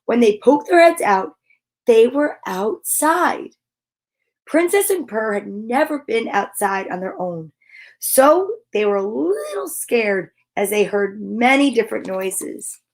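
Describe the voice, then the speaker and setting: At a slow pace, a woman with a fairly high voice leads a children's story time. She reads aloud and breaks off for chatty asides to viewers, staying upbeat, encouraging, gushing and animated throughout.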